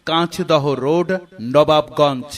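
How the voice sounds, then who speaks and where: A man's voice: on the high side, fairly even intonation, a little slow, faint music behind, natural voice. A man with a Bangladeshi accent acting in a scripted shop advertisement as an agreeable, keen announcer. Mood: promotional. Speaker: advertisement voice artist.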